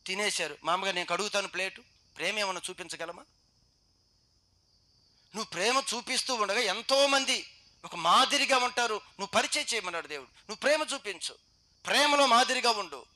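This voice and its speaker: This pastor, a man with a Telugu accent, preaches to a youth meeting in a high voice. He exhorts them with rapid-fire rhetorical questions, swinging between loud and quiet.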